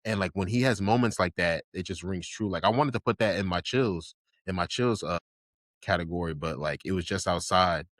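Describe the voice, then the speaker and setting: A man's voice: sits low, a little fast, a bit bright, dry recording, studio quality. A man co-hosting a casual podcast chat, rambling with lots of fillers and enthusiasm. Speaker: podcast co-host. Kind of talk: casual chat about anime.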